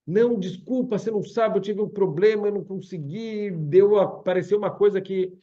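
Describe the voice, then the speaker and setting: A man's voice: sits high, fairly quick, warm tone, natural voice. A man voicing a desperate man who begs for money, heard over a video call. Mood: excusing. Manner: pleading, begging. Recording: dull lo-fi video call audio.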